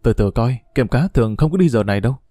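A man's voice: medium pitch, lively intonation, fast talker, warm tone, dry recording, clean studio sound, faint music behind, natural voice. A man reading an audiobook voices an older village uncle who gives short, commanding orders. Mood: tense. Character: older village uncle, terse boat leader.

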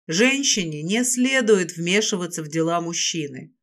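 A woman's voice: fairly low pitch, expressive, normal speed, a bit bright. Woman doing a domineering serpent lord. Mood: dismissive. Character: domineering male serpent lord, possessive, curt.

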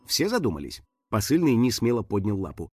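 Expressive male storybook narrator. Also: on the low side, a little fast, breathy edge, dry recording, clean studio sound, soft background music. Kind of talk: scripted children's story narration.

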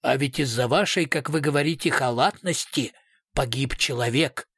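A man's voice: medium pitch, moderate pace, a bit bright, slightly rough, dry recording, studio quality. A man voicing a brutal male police investigator who switches between sugary politeness and snarling threats. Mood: mock-polite.

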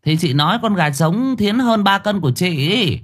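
A man putting on a shrill young village woman. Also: expressive, normal speed, a bit bright, breathy edge, heavily acted. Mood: mocking. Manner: high, pleading and fluttery when flustered.

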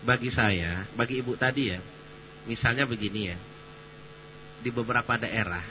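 A male preacher gives a chatty, animated talk that often turns to jokes. His voice sits at an ordinary pitch. The recording sounds dull and carries a clear mains hum. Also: normal speed. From Sumatra. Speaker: Islamic preacher. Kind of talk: casual lecture.

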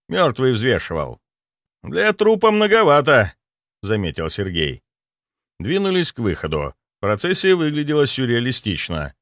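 A man reads a first-person audiobook in a mid-pitched voice with lively, animated intonation. The sound is dry and close, with no room around it. His storytelling stays steady and matter-of-fact. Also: no room sound. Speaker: audiobook narrator.

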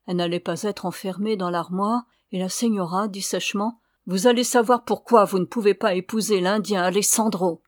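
A woman narrating a classic novel aloud in a measured, even reading voice. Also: medium pitch, no room sound, studio quality. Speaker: audiobook reader.

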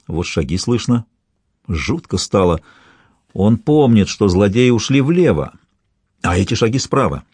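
A man narrating a historical novel in steady scripted storytelling. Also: lowish voice, a little slow, pauses often, slightly rough, no echo. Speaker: audiobook narrator.

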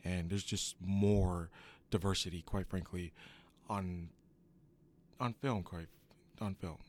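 A man's voice: deep voice, fairly even intonation, slow. A young man, an acting student, answering questions in a radio interview, rambling and correcting himself as he goes. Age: young adult. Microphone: studio microphone.

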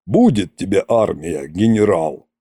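A man's voice: sits low, animated, unhurried, warm tone, no echo, clean studio sound, pitched below the performer's own voice, exaggerated voice. A man voicing a boastful, pompous immortal sorcerer king in an audiobook, grand and mocking. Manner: grand, self-satisfied, mocking. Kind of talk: audiobook character reading.

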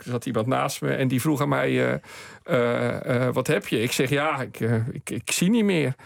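On a radio show in a studio, a man with a voice on the high side and some vocal fry tells his own story in a dry recording. He's a lively storyteller who chuckles along and performs the voices of the people he quotes.

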